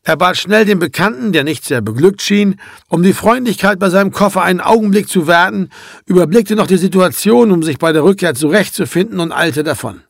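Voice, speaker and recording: A man reads a classic novel aloud in a measured, even narrating voice. His pitch sits somewhat high for a man, and the recording is dry and close with no room sound. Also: gravelly, no room sound. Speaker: audiobook narrator. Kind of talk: scripted literary narration.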